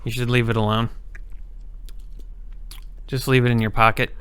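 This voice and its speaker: A man co-hosting a comedy stream, firing off quick straight-faced quips. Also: medium pitch, level tone, a bit bright, clean tone, no echo, clean studio sound. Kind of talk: improvised comedy banter.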